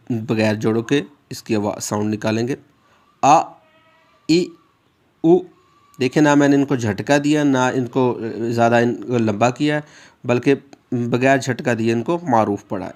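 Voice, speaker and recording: A man's voice: mid-range voice, a little mellow. A man teaching Quran reading step by step, drawing out letter sounds patiently for the listener to repeat. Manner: slow, patient, drawn-out letter sounds for repetition. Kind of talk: step-by-step recitation lesson.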